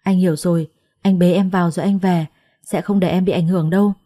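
Lady voicing a tired heartbroken guy in a storybook, soft and resigned, mellow voice. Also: fairly low pitch, fairly even intonation, quick pace, close to an everyday voice. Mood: sad. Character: weary, heartbroken young man, sick and poor.

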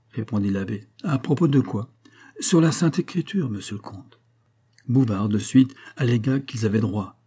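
Husky, dark-voiced male audiobook reader. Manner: acts out dialogue with raised pitch. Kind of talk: literary audiobook narration.

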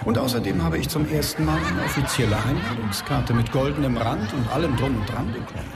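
Courteous Death with a creaky voice. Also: male voice, medium pitch, animated. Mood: formal, reserved. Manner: formal, measured, slightly hesitant. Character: Death, male, courteous weary solemn father. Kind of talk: radio play acting. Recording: crowd and music behind.

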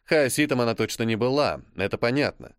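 A man narrating a first-person novel in a calm, measured reading. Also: mid-range voice, no echo, clean studio sound. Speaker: audiobook narrator.

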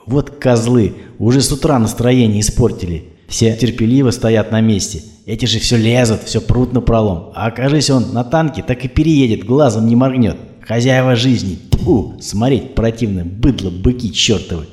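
A man's voice: mid-range voice, normal speed, hardly any pauses, darkish tone, close to an everyday voice. A man voicing an irritable young woman doctor who snaps back at rude drivers. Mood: indignant. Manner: indignant, snapping. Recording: roomy echo.

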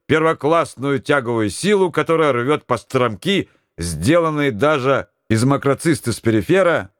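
A man's voice: on the high side, a bit bright, dry recording, clean studio sound, voice pushed up. A man voicing a small, fidgety sailor who mockingly announces a comrade in a grand herald's voice. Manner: pompous, declaiming.

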